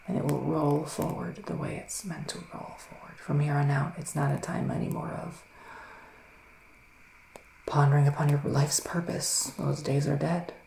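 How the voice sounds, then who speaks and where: In this ASMR roleplay, a man with a fairly high voice performs as a solemn psychic witch doing a reading. He is unhurried and half-whispered, slow and deliberate, letting breathy pauses and sighs fill the gaps. The recording has a roomy feel and a little faint noise.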